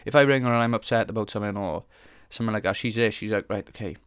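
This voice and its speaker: A man's voice: on the low side, rapid-fire, fairly bright tone, clear, resonant tone, dry recording. A young man hosting a casual solo podcast, rambling frankly with lots of swearing, fillers and restarts as he thinks aloud. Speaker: podcast host.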